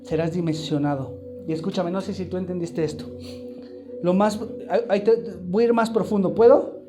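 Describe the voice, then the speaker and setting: A man's voice: high voice, fairly even intonation, normal speed, over music. A man preaching a live sermon to a congregation, emphatic and throwing repeated questions at the room. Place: church hall, live congregation.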